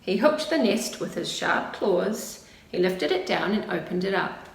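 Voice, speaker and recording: Here a middle-aged woman's medium-pitched, gravelly voice brings a picture book to life for preschool children, animated yet measured in pace. The recording comes from a camera set a short distance off in a small plain room indoors, giving a roomy sound and a little background noise.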